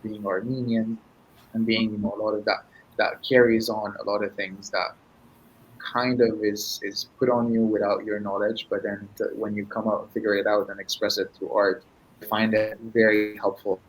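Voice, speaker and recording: A man's voice: lowish voice, flat delivery, moderate pace, slight background noise, rough recording. A man hosting a casual conversational interview. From Syria. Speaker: interview host.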